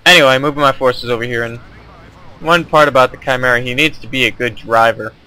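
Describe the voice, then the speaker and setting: A man's voice: mid-range voice, fairly even intonation, a little fast, bright, forceful tone, poor audio. A young man casually commentating his own strategy game replay, rambling and correcting himself as he goes. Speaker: gameplay commentator.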